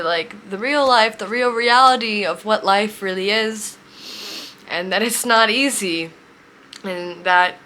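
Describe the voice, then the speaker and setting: A woman in her twenties telling a heartfelt personal story, emotional and near tears, speaking haltingly. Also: mid-range voice, pushed and bright, a little hiss or hum. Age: 20s. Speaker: vlogger.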